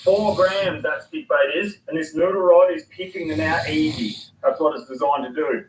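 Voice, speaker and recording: A man giving excitable, slangy fishing commentary outdoors by the water. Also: a little high, normal speed. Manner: excitable, exclaiming loudly, slangy. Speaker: fishing vlogger. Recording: distant, echoey outdoor sound with noise.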